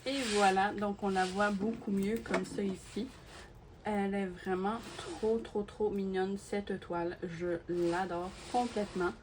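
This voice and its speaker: At a measured pace and with a mid-range voice, a woman crafting YouTuber unboxes on camera, gushing and chatting casually to viewers with many fillers and repeated words. The background has steady noise and clicks.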